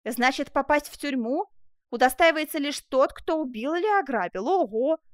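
A woman voicing an excitable young man who exclaims in agitation, in a storybook reading. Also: sits high, moderate pace, dry recording, clean studio sound, voice pushed up. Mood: agitated.

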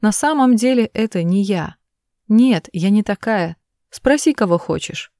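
A woman's voice: mid-range voice, expressive, measured pace, mellow, dry recording, studio quality, pitched above the performer's own voice. Woman reading as a tearful pleading mother. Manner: pleading, urgent. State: crying.

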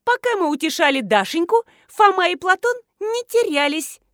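Eager chirpy woman, voiced by the reader, high and bouncy. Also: big pitch swings, moderate pace, no echo, studio quality. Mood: excited. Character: fussy cheerful woman, doting fake wife.

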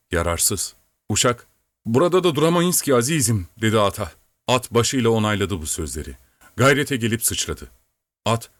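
A man calmly reading a story aloud in measured, steady audiobook narration. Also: fairly low pitch, dry recording.

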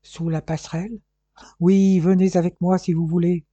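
A man's voice: high voice, level tone, moderate pace, mellow, no echo, muffled recording. A man voicing a cool, commanding English detective who speaks French with a light British accent and gives curt, clipped orders. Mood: apologetic.

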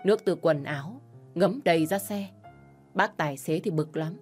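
A woman narrating an audio story in a steady, measured way. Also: lowish voice, faint music behind.

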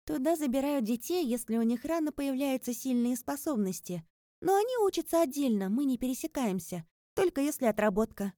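A woman playing an earnest, high-voiced young student. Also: animated, warm tone, no echo, clean studio sound. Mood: explaining. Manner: earnest, quick to get heated. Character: lively young woman student, eager friend.

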